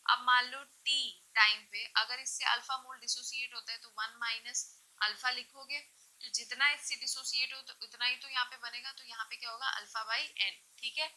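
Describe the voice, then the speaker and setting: A woman's voice: fairly high pitch, fairly even intonation, normal speed, bright, forceful tone, low-quality recording. A woman teaching a chemistry lesson, explaining step by step and often asking questions, then answering them herself. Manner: checks in often with short confirmations. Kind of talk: classroom lecture mixing Hindi and English.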